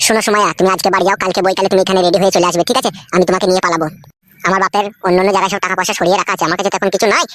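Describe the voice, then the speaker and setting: A woman's voice: medium pitch, steady tone, very fast, a bit bright, dry recording, studio quality, lightly acted. A woman voicing a lazy, cowardly young cartoon son-in-law who talks crudely and sulks. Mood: scheming. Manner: sulky, crude. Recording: clear background noise.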